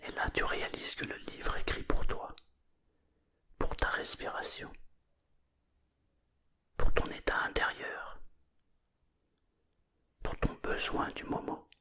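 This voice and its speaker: A narrator telling a bedtime story in a breathy, murmured whisper, hushed and soothing, with gentle pauses between phrases.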